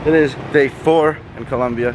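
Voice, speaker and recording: A man's voice: medium pitch, steady tone, normal speed. Hyped, breathless male vlogger chatting on a hike, street noise behind. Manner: hyped slangy banter, laughing often. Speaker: vlogger host. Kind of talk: casual vlog chat. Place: outdoors on a mountain.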